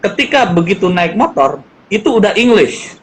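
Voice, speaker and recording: A man's voice: high voice, normal speed, rough recording. A middle-aged man, a guest speaker, talking casually about parenting and acting out quoted dialogue. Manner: animated, acts out quoted dialogue in changed voices. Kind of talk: casual chat.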